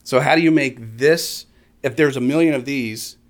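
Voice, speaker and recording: A middle-aged man, explaining fishing tactics in casual conversation as an animated storyteller who acts out other anglers. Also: mid-range voice, normal speed. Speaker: fishing guest expert. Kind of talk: casual chat.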